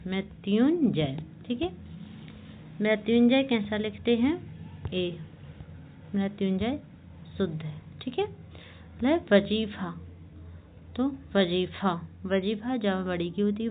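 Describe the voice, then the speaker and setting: A woman teaching an exam-prep Hindi class, saying each word slowly and repeating it, then checking with short questions. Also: mid-range voice. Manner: drills words slowly, repeats each twice; checks with short questions, often says "theek hai". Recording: tinny phone-like audio, faint hiss.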